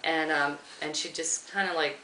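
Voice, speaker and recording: A woman recounting an upsetting experience in an interview, talking haltingly and quoting others. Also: low-pitched, fairly even intonation, sharp tone. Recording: echoey room, far from the mic, faint hiss.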